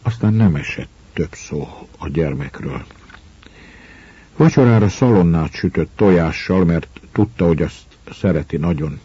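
A man reads a story aloud at a slow, measured pace. His voice is low, dark and deeply husky. The recording sounds dull and lo-fi. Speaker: narrator. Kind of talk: audiobook story reading.

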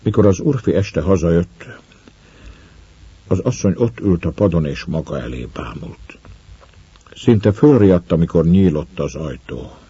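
A man narrating an audiobook in a measured storytelling manner. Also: sits low, animated, dark tone, breathy edge, no room sound, lo-fi sound. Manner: measured storyteller, voices the characters. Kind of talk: audiobook reading of a novel.

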